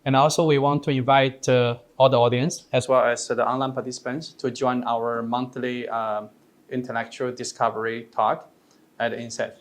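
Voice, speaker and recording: A man moderates a university seminar and wraps it up with formal thanks. He speaks politely but haltingly, with frequent fillers. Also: mid-range voice, little pitch movement. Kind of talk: formal closing remarks.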